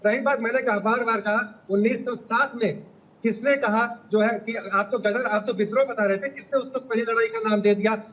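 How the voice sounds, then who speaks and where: High-voiced guy on a tv debate panel, combative, keeps cutting in, kinda muffled lo-fi audio. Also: fairly even intonation, normal speed, a bit bright. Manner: combative, talks over others, rhetorical questions. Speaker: political panelist. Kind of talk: heated TV debate.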